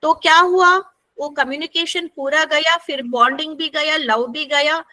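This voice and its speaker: Woman workshop facilitator, high and bright voice, chatty, keeps checking in with the room. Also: steady tone, measured pace. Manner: conversational, keeps checking in with the group. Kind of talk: interactive workshop teaching.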